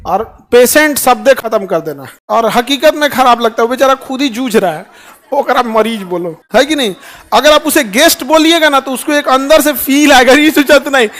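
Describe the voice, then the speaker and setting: Man, Bihari Hindi accent, very high pitch, emphatic, rhetorical, motivational speech. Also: expressive, moderate pace, fairly bright tone. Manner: emphatic, rhetorical, asks the audience questions. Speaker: speaker addressing students.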